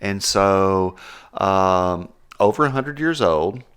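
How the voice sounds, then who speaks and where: Low-voiced man with a West Texas twang. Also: expressive, slow, fairly bright tone, clean tone. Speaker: podcast co-host. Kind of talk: casual chat.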